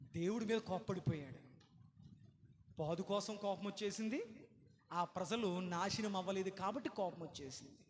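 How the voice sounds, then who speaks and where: A man preaching a sermon, animated, acting out quoted voices and putting questions to the congregation. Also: high-pitched, moderate pace, long pauses, a crowd in the background. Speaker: pastor. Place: church hall. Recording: reverberant church hall.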